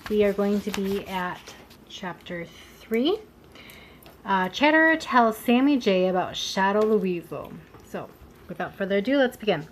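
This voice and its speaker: Brief: young mother, mid-pitched, storybook read-aloud, gentle chatty asides to the kids. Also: lively intonation, unhurried, slight background noise, poor audio. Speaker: mother reading to her children.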